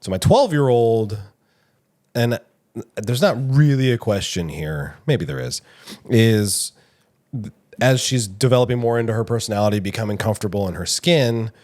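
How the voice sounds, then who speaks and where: A middle-aged man co-hosting a casual podcast, talking in an animated way and often restarting his sentences. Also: lowish voice, moderate pace. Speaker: podcast co-host. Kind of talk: casual chat.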